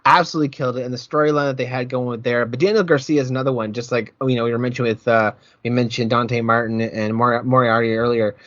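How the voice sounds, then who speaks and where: A man's voice: medium pitch, fairly even intonation, fast talker, hardly any pauses, a bit bright, no echo, muffled recording. A man hosting a casual wrestling podcast, rambling, repeating his words and getting heated. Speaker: podcast host.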